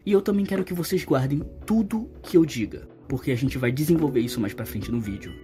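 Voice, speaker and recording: A Brazilian Portuguese-accented man hosts a YouTube video essay, reading scripted opinion commentary to his viewers. His voice sits on the high side, brisk and animated with a warm tone. Background music plays under him.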